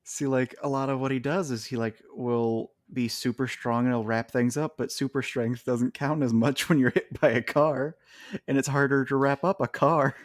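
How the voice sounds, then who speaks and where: Male podcast co-host, easygoing and chatty, medium pitch, dry recording. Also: steady tone, moderate pace, dry recording. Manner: chatty, laughs between points while arguing. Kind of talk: casual chat.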